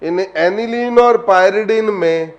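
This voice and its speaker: A man whose voice sits high speaks slowly while teaching live online, with the highs cut off in the audio. He fondly addresses his students and coaxes them through repeated questions.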